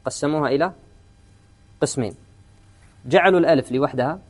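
A man's voice: fairly high pitch, fast. Man teaching Arabic grammar to students. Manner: questions the students often, repeats key words. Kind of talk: classroom lesson.

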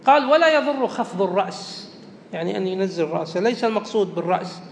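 A man's voice: lively intonation, quick pace. A man teaching a religious law lesson, reading a line from a text and then explaining it plainly, going back over his points. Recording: echoey hall with faint rumble.

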